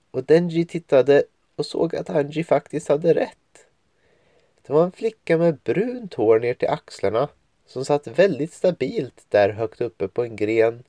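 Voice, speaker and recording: A man's voice: medium pitch, warm tone, dry recording. A man reading a children's story aloud at home, with playful voices for the children's lines. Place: home room at a computer.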